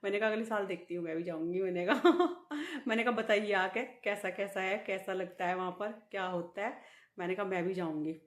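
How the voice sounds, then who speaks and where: A woman's voice: medium pitch, a little fast. A middle-aged woman vlogging in casual chat to the camera, laughing often as she talks. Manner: laughs often while talking. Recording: echoey room.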